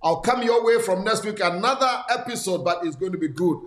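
This pastor in his sixties hosts a talk show from an indoor studio set, offering conversational mentoring. His high-pitched, expressive voice moves a little fast in a roomy space, and he repeats words for emphasis while urging listeners on.

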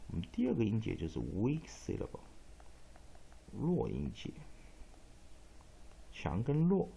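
A man teaching English pronunciation in a phonics lesson, speaking Taiwanese-accented Mandarin, spelling out letters and repeating rules, with frequent drawn-out fillers. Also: fairly low pitch, huge pitch swings, gravelly, dark tone, a little hiss or hum.

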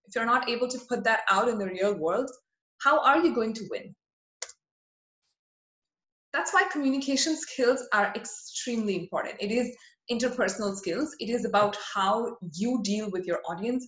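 Her voice sits a little high with a fairly bright tone and a moderate pace, and the poor-quality audio carries a lot of reverb. She is an Indian woman in her thirties from rural West Bengal, a native speaker of Hindi, Marwari and Bengali, delivering an earnest, motivational webinar over slides with an Indian accent.

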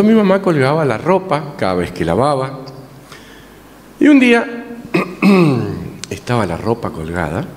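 A man telling an interactive story to children at church, coaxing them to repeat lines after him. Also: mid-range voice. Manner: lively, coaxes the audience to repeat lines. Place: church hall. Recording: distant voice in a reverberant hall with faint noise.

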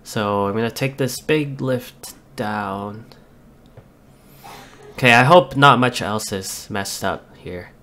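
A man's voice: lowish voice, slow, bright, forceful tone, smooth. A man hosting a let's play, casually talking through the changes he made to his build, step by step. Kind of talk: casual gameplay commentary.

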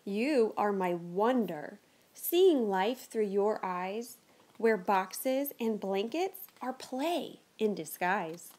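Reading picture books aloud to young children, this woman in her thirties speaks in a mid-range voice and takes her time. She hams it up for the kids, animated and exaggerated as she presents each book.

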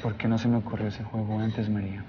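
Very even-toned, earnest young suitor played by an actor. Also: male voice, on the low side, quick pace, dull audio, background noise, natural voice. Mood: sad, wistful. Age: young adult. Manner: earnest, subdued. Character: sincere, wistful young suitor, simple and kind. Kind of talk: soap opera acting.

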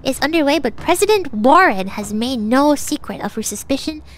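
A woman's voice: high-pitched, lively intonation, moderate pace, a little hiss or hum. A young woman streaming a game with a stuffy nose, bubbly and thanking viewers over and over with bits of Japanese. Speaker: livestreamer. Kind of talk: casual gaming livestream.

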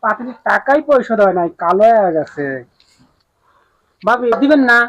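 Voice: medium pitch, lively intonation, moderate pace, muffled recording, natural voice. A performer playing a whiny creditor who keeps begging the wife to pay up, in a comic short film. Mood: pleading. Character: pleading creditor begging sister-in-law for money.

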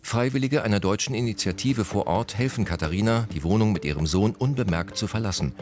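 A man reading a scripted news voice-over in a measured, even way. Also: lowish voice. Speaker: news narrator.

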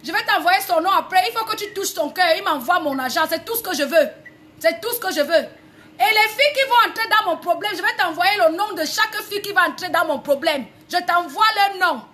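Heated high-voiced woman ranting. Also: animated, brisk, bright, forceful tone. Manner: heated, repetitive, confrontational. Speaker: singer. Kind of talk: angry video rant.

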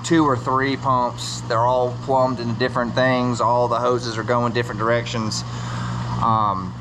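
A man's voice: medium pitch, a little slow, noisy background. Rambling man filming his fish room. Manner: relaxed, rambling, lots of ums, eager tips to viewers. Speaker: hobbyist showing his aquarium build. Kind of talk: casual how-to vlog. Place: indoor fish room with tanks and pumps.

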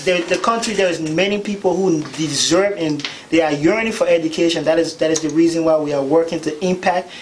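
A man's voice: fairly high pitch, brisk, few pauses, a little hiss or hum, low-quality recording. A young man from Liberia, a guest on a radio talk show, speaking earnestly and repeating words for emphasis into a studio mic. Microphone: studio boom mic.

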